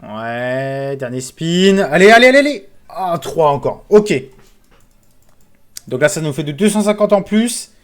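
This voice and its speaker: A man streaming casino games, commentating live, excitable, pleading with the game and calling out sums. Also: fairly high pitch, takes it slowly.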